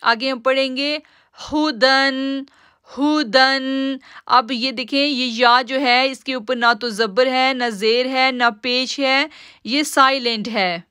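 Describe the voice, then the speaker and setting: High, bright-voiced woman teaching recitation. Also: fairly even intonation, clean tone, no echo, clean studio sound. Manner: patient, step-by-step explaining, drawn-out slow recitation of words. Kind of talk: live-streamed tajweed lesson.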